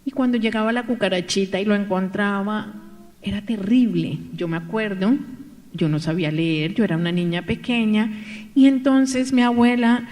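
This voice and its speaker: A woman telling a folk tale aloud at a seminar in a lively way, with asides to her listeners. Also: medium pitch, moderate pace. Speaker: storyteller. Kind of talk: oral storytelling at a seminar. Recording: echoey hall, voice from far off.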